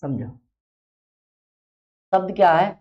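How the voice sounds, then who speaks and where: A man's voice: sits high, lively intonation, takes it slowly. A male teacher giving a grammar lesson in a classroom, quizzing his students by asking the same questions again and again. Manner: drills students with repeated questions. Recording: dull lo-fi recording.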